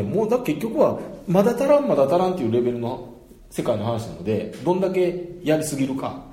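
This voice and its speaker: A man with a Kansai accent, an English teacher explaining pronunciation in an emphatic, animated, laughing way. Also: medium pitch, a little hiss or hum. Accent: Kansai Japanese. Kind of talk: casual explanatory talk. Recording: roomy echo.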